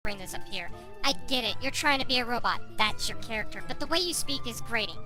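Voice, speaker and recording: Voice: expressive, fast, music in the background. A commentator whose voice runs through a voice changer, answering critics with blunt sarcasm in a commentary video. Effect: voice changer raising the pitch. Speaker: commentary YouTuber. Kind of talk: commentary rebuttal.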